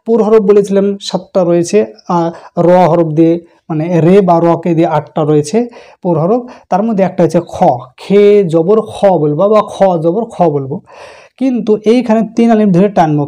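Mellow-voiced man teaching Quran recitation. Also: high voice. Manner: patient, explains each letter and repeats sounds slowly. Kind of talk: step-by-step recitation lesson.

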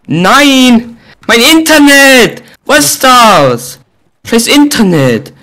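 A man playing a boastful, hot-headed Green Goblin in casual gaming role-play banter, bragging and quick to shout in frustration. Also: mid-range voice, lively intonation, lightly acted. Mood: furious. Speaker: gamer in a role-play video.

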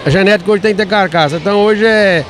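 A man's voice: high-pitched, quick pace. A man in his sixties with a rural Brazilian Portuguese accent, giving plain-spoken, informal interview answers into a handheld microphone. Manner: plain-spoken, folksy, repeats himself. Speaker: cattle rancher being interviewed. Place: large busy open-sided event hall. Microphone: handheld microphone held by reporter. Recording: very loud crowd all around.

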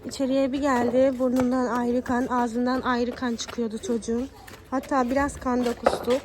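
A woman's voice: a little high, flat delivery, normal speed. A young woman and mother chatting casually to her viewers in a home vlog. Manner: chatty, addresses viewers as friends. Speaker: vlogger and mother. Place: family home. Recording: noisy home recording.

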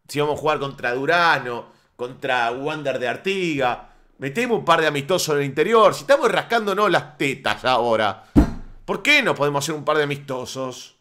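A man's voice: fairly high pitch, fairly bright tone. A Uruguayan man hosting a fan channel, riffing on football in a sarcastic, rambling monologue with stammered restarts. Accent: Uruguayan Spanish. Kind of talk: casual football commentary monologue.

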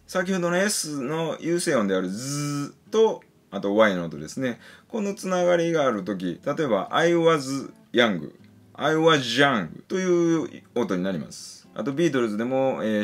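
A man giving a casual pronunciation lesson, patiently explaining and slowly sounding out example syllables and words. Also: medium pitch. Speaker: English pronunciation teacher.

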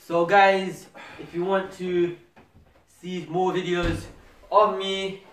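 A young man with a high, animated voice, chatting casually and taking his time. He sounds some way from the mic in an echoey room. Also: slow pace. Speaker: challenge contestant and channel host. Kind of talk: casual chat. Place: small living room, indoors. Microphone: distant camera microphone. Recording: echoey room, distant mic, background noise.

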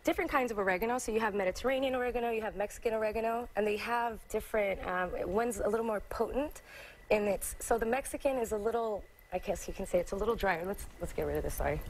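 A woman's voice: mid-range voice, fast, slight background noise, low-quality recording. A woman in her thirties, a guest chef, talking through a live cooking demo on a TV studio set. She is chatty and hesitant, with many fillers and restarts. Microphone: lapel mic.

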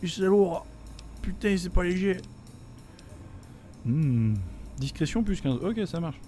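Mellow-voiced French gamer joking along. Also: male voice, high voice, animated, slow pace. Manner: joking, swearing, reads game text aloud. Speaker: gameplay commentator. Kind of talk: casual let's-play commentary. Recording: faint game music behind.

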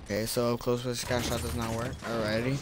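A man's voice: mid-range voice, little pitch movement, fairly quick, noisy background. A man chatting in a laid-back, offhand way while gaming with friends. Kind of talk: casual chat while gaming.

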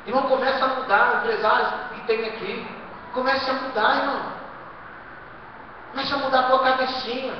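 A man preaching a sermon to his congregation, asking rhetorical questions and swinging between quiet asides and loud exhortation. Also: very high-pitched, fairly even intonation, a little fast, pauses often, noisy background. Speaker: pastor. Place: church hall. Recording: echoey hall, distant muffled live stream.

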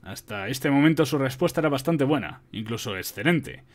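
A man's voice: mid-range voice, animated, brisk, lightly acted. A man voicing a military academy lecturer who reproves a cadet sternly.

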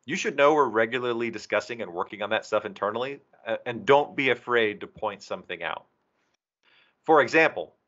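This man, presenting for a software documentation team, guides viewers through slides on an online video call with a conversational, explanatory approach and emphatic phrasing. His medium-pitched voice has a bright, forceful tone, though the call audio is dull and compressed.

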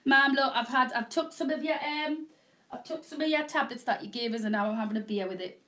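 Woman, Northern English accent, higher-pitched, home shopping host, chatty rambling sales patter, bunged up with a cold, camera mic in a small room. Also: brisk, a bit bright. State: snotty with a cold, coughing. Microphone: camera mic at a short distance, no proper mic.

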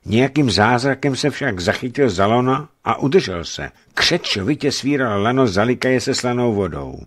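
A man reading a novel aloud for radio with expressive storytelling narration. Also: mid-range voice. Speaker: reader.

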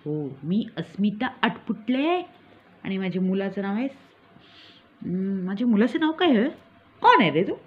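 A woman with a natural, medium-pitched voice swings widely in pitch, speaking at normal speed with long pauses. She plays a smug village mother and con artist in a comic sketch, gleefully boasting and mocking, on a tinny, phone-like recording.

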